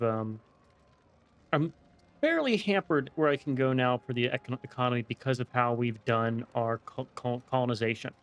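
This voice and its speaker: A man's voice: medium pitch, fairly bright tone. A man with a slight lisp from wearing a dental retainer, giving casual let's play commentary as he thinks aloud and weighs options one by one. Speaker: gaming video host.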